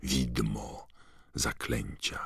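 A man reading a fantasy novel aloud as narrator, measured and even. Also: rumbling low, gravelly, husky, no room sound, studio quality. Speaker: audiobook narrator. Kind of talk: scripted narration.

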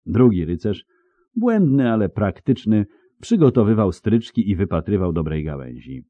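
A man narrating an audiobook with expressive, dramatic storytelling. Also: lowish voice, normal speed, no echo, muffled recording. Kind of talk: scripted narration.

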